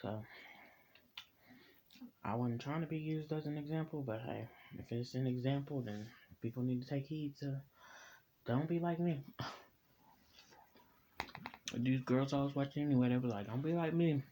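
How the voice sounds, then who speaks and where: Mellow-voiced man chatting in a vlog. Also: medium pitch, normal speed, a little hiss or hum. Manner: relaxed, rambling and reflective, eating while talking. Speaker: vlogger. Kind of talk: casual personal vlog. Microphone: phone camera.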